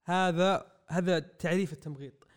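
A young man, rambling excitedly through a comic review on a podcast mic. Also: sits high, moderate pace, clear, resonant tone. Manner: excitable, rambling, acts out quotes. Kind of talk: casual podcast review chat. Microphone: podcast microphone.

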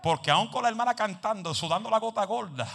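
A man preaching a sermon as pastor, telling humorous stories, mixing in English phrases and building up to shouted exhortations. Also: sits high, animated, fast, creaky. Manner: drops English phrases into his talk; humorous storytelling.

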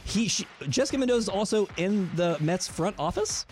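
Fast-talking excitable male sports co-host. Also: sits high. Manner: fast, heated, excitable delivery. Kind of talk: casual sports chat.

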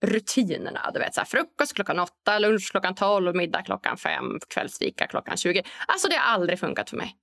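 A woman podcast host talking in a relaxed, chatty way. Her voice sits at an ordinary middle pitch, and she keeps the talk lively, often slipping into other people's voices to tell a story. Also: creaky, hardly any pauses. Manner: lively, acts out others' lines in a raised voice. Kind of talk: casual podcast conversation.

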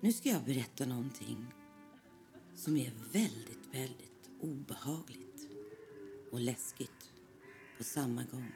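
A woman narrating a spooky first-person ghost story in a hushed voice that often slips into whispers. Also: very deep voice.

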